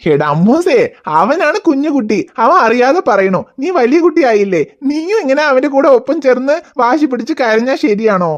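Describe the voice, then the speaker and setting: A woman voicing a gentle cartoon father who reassures his daughter and mock-scolds his son. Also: high voice, expressive, normal speed, muffled recording. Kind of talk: cartoon voice acting.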